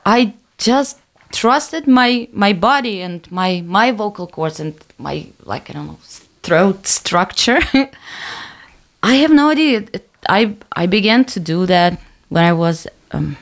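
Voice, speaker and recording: A young woman with a Ukrainian accent, a singer answering interview questions in halting English, often laughing. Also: medium pitch, expressive. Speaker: band singer, interview guest. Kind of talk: casual interview chat.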